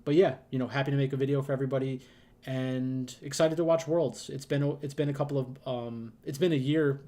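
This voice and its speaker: A man with a slightly hoarse, allergy-affected voice, giving casual unscripted esports commentary in a hesitant, rambling way with frequent pauses. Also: mid-range voice, warm tone. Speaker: YouTube host giving betting picks.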